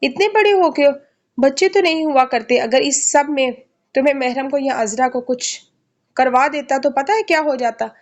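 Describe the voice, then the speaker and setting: A woman's voice: high-pitched, normal speed, dull audio, voice pushed up. A woman voicing a worried young man who scolds sternly and angrily. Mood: angry. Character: angry, worried young man, protective brother.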